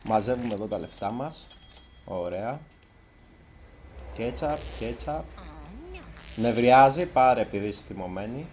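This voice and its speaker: A man's voice: mid-range voice, lively intonation, long pauses, a little mellow, a little hiss or hum. A man giving let's play commentary as a gaming YouTuber, chatty and nervous, tripping over his words now and then. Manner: chatty, self-conscious, trips over words.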